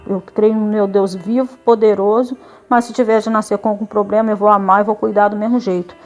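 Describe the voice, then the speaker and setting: A woman tells her faith testimony with emotion, acting out the other people in her story as she goes. Her pitch sits in a middle range. Soft music plays faintly behind her. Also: level tone, fairly quick. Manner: emotional storytelling, retelling dialogue with quoted voices. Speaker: church member giving testimony. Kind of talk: religious testimony.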